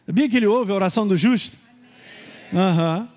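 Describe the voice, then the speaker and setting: A man's voice: high voice, brisk, a little mellow. A middle-aged man with a Brazilian Portuguese accent, giving a sermon and telling a personal story in a conversational way, with asides to the congregation. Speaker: pastor. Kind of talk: sermon testimony.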